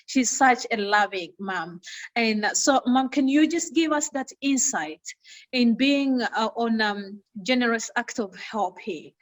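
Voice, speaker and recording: A woman's voice: on the high side, expressive, slow pace. A young adult woman hosting a talk show, effusive and admiring toward her guest. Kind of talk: casual chat.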